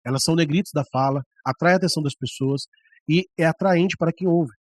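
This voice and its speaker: A man's voice: a little high, quick pace, husky, dry recording. A man with a Brazilian Portuguese accent teaching preaching skills to church leaders. He talks in a conversational way and often shows the points with his own voice and the microphone on a stand. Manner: conversational, often demonstrating with voice and mic. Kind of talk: classroom lecture on preaching. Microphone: microphone on a stand, about ten centimeters away.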